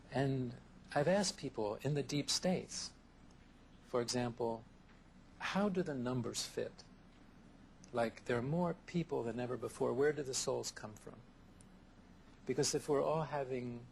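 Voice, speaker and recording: A man answering interview questions in a thoughtful, measured way, often listing ideas one after another, heard from a worn VHS tape copy. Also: medium pitch, gravelly, slight background noise. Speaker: interview guest, therapist.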